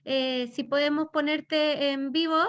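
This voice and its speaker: Una mujer chilena modera una clase universitaria por videollamada, con un tono conversador e informal. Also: female voice, high voice, fairly even intonation, unhurried, no echo. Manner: chatty, informal. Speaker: course organizer, moderator. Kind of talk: online class moderation. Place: video call. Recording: dull, dry video-call audio.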